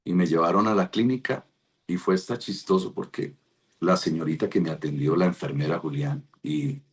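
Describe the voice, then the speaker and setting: Low husky pastor. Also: male voice, animated, normal speed. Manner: rambling storytelling with restarts. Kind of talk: devotional testimony. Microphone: video call.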